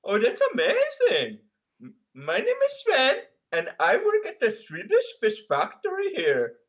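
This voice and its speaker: Prank caller, male, high wildly swinging voice, over-the-top fake Swedish accent, combative, muffled line. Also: huge pitch swings, measured pace, fairly bright tone. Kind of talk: prank call-in.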